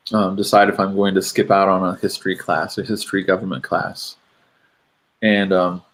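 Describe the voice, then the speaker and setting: Male co-host, lowish pitch, rambling casual dream recap. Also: a bit bright. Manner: rambling, hesitant with many fillers. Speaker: podcast co-host.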